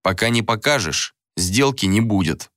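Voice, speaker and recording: A man's voice: fairly low pitch, lively intonation, moderate pace, fairly bright tone, no echo, studio quality. A man doing a sneering whip-cracking bandit. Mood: menacing. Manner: sneering, threatening. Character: mocking greedy male bandit with a whip.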